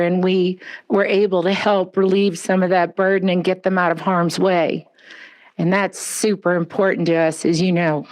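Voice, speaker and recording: A woman giving a heartfelt address at a pet memorial ceremony, speaking in a gentle, consoling way with soft pauses. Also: medium pitch.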